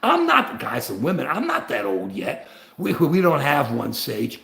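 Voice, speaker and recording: A man's voice: mid-range voice, wildly swooping pitch, measured pace, creaky, fairly bright tone, reverberant. An older man hosting a political livestream, rambling and repeating himself as he talks animatedly. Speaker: livestream host.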